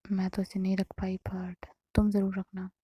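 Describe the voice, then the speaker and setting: A woman voicing a hurt young woman who speaks softly and with resignation. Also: mid-range voice, completely flat delivery, moderate pace, husky, dry recording, natural voice. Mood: resigned. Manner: soft, subdued.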